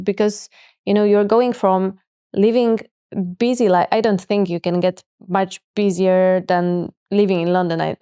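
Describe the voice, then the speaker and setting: A woman's voice: medium pitch, dark tone, clear, resonant tone, no echo, clean studio sound. A woman in her thirties hosting a podcast, asking long rambling questions full of "like". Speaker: podcast host. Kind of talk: conversational interview.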